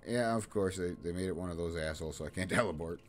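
A man's voice: low-pitched, fast. A man giving crude, joking, rambling play-by-play commentary on his own gameplay video. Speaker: gaming video host. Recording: game music loud behind voice. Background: game music and sound effects.

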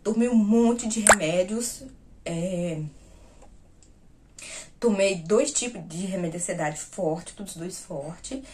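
A woman's voice: mid-range voice, takes it slowly, long pauses, a little mellow. A woman vlogger in a casual personal storytelling style. She speaks straight to her viewers and acts out the conversations she retells. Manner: talks straight to viewers as "gente". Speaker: vlogger sharing personal news.

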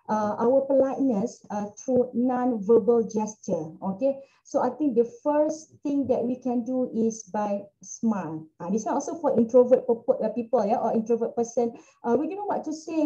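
Chatty Malaysian woman lecturer, fairly high voice, video-call mic. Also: warm tone, highs cut off. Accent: Malaysian English. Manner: chatty, frequent "you know" fillers. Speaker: guest lecturer. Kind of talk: online webinar lecture. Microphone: computer on a video call.

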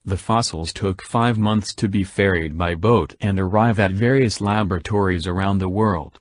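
Low-voiced man narrating like a nature documentary. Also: moderate pace, dry recording, clean studio sound. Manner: reads formally from a written article. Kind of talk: scripted news narration in a nature documentary manner.

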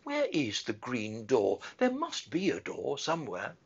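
Man playing a curious imperious little girl, eager, insistent, lively pitch, muffled lo-fi audio. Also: measured pace, vocal fry, slightly rough, heavily acted. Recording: muffled lo-fi recording.

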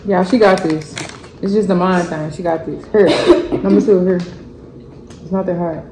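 This vlogger has a lowish voice and a moderate pace as she coaxes her partner in a couple's challenge video, counting down and cheering repeatedly. The room is echoey, with background noise.

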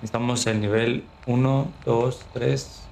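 A man giving casual, unhurried gameplay commentary on a livestream, thinking aloud as he plays. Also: mid-range voice, fairly even intonation, a little mellow. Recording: roomy echo with clear background noise.

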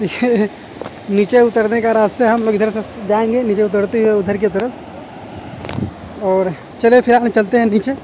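A man's voice: sits high, fairly even intonation. A man narrating a travel vlog outdoors, chatting as he shows viewers around a waterfall. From India. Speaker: vlogger. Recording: outdoor noise, rushing water.

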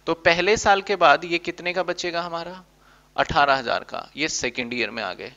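A man with a slightly high, sharp voice teaches an accounting class at normal speed, playfully acting out his students' questions. The lecture comes through a dull lo-fi recording.

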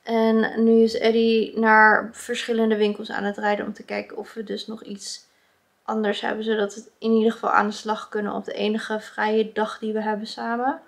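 A young woman vlogger talks informally to a camera held at arm's length. Her voice sits a little on the high side, with a Netherlands Dutch accent. She sprinkles English words into her casual chat, recorded indoors in an empty shop. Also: monotone, moderate pace, vocal fry. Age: young adult.

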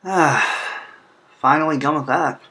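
A man's voice: a little high, slow, bright, forceful tone, poor audio. A man with a lisp from an underbite, narrating a scripted explainer as a video creator. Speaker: video creator presenting a fan game track design.

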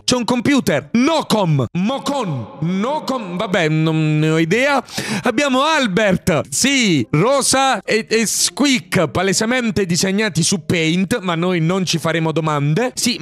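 A young man from Italy with a high voice narrates a horror game as a comedy let's-play. He jumps from loud bursts to low mutters and hams up every moment. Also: no room sound. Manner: goofy, exaggerated, jumps between shouting and muttering. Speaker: gaming YouTuber.

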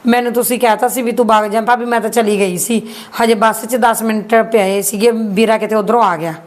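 A meek, gentle young sister, played by a woman in an amateur short film. She talks quickly in a soft, polite, self-effacing way. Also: fairly high pitch, fairly even intonation, a little hiss or hum, natural voice. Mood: pleading.

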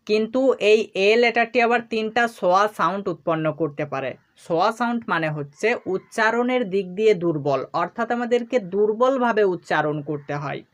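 A woman teaching English reading sounds to children, patiently repeating each example sound slowly. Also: mid-range voice, fairly bright tone. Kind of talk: instructional explanation to children.

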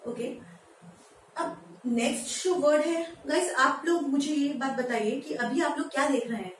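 Woman with a high voice teaching english words in hindi, sounds far off in a very echoey room, some faint hiss behind her. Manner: lively, asks viewers questions and answers them; spells words out slowly, syllable by syllable. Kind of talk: Hindi-language pronunciation lesson. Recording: echoey room, voice from a distance, faint background noise.

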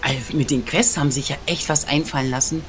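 Plaudernde Let's-Play-Spielerin mit deutschem Akzent. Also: female voice, deep voice, steady tone, fast talker, a little hiss or hum. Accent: German. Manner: chatty, often drops into whispers. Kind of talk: casual gameplay commentary. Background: game music.

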